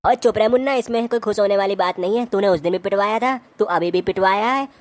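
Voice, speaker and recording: A man's voice: high voice, fast talker, lightly acted. A man voicing a blustering, boastful older brother who is secretly a coward. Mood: gruff. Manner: gruff, blustering, threatening. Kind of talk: comedy sketch acting.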